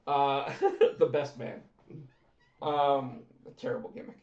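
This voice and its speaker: A mid-range, slow male voice, growing hoarse as he loses it. He co-hosts a casual pro wrestling podcast, talking excitedly and at length and repeating words as he starts sentences. The recording is roomy, dull and lo-fi.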